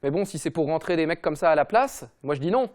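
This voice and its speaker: Fast-ranting mocking man. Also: fairly high pitch, lively intonation, darkish tone. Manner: mocking, slangy, rapid-fire. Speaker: comedy football podcast host. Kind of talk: fast comic rant.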